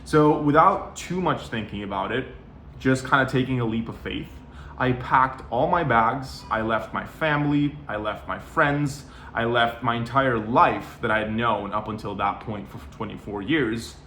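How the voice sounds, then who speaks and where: A man's voice: mid-range voice, moderate pace, bright, forceful tone, a little hiss or hum. A young man in his twenties from Norway, giving casual, conversational career advice and often saying "you know" and "like". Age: 20s. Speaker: sales coach. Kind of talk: casual talking-head advice. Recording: roomy echo.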